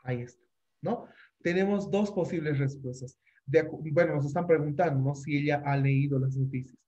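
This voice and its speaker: A man's voice: on the high side, a little fast, mellow, highs cut off. A man teaching an online English class in Spanish. He is patient, repeats each phrase and keeps checking with the students.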